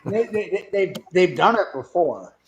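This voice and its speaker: Teasing man, slightly high voice. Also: lively intonation, normal speed, highs cut off, slight background noise. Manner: teasing, repeats words when starting. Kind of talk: casual sports chat.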